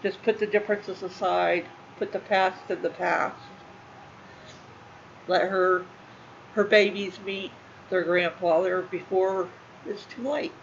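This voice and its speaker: Halting, emotional woman vlogging. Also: fairly low pitch, flat delivery, vocal fry. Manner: halting, emotional, repeats herself. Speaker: channel host. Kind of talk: casual talk to livestream viewers. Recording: slightly muffled with faint room noise.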